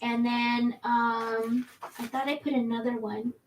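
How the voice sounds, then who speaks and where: A woman's voice: a little high, level tone, a little slow, far from the mic, a little hiss or hum, rough recording. A woman guest on a craft livestream, chatting in a friendly way and laughing easily. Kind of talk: casual chat on a live stream.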